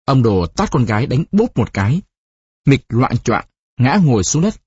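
A storyteller reading a novel aloud in an expressive, lively way. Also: mid-range voice, moderate pace, husky, no echo, lo-fi sound.

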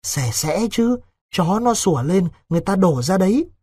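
A man playing a resolute young village lover from a spoken storybook, who talks urgently and persuasively. His husky voice sits a little raised. The recording is close and dry. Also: high voice, big pitch swings, normal speed, mellow, dry recording, voice pushed up, full character voice.

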